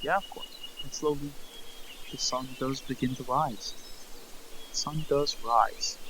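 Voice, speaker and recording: A man runs a tabletop game session in a halting, stammering way. His voice sits at an ordinary pitch, and faint crickets and outdoor ambience hum behind him. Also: steady tone. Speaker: game master.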